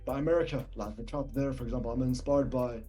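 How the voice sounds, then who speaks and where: On a casual podcast interview, a young man from Palestine appears as a rapper guest, speaking British-accented English and having grown up with Arabic as well. His mid-range voice moves at a quick pace with fairly even intonation, soft-spoken and slightly mumbly with swallowed words. Faint music sits in the background.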